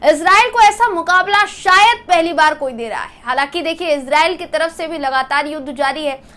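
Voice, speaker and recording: A woman news anchor with a high, bright voice, presenting the story earnestly. She explains the events to the audience and keeps calling the viewers her friends. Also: animated, moderate pace. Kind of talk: Hindi news presentation to camera.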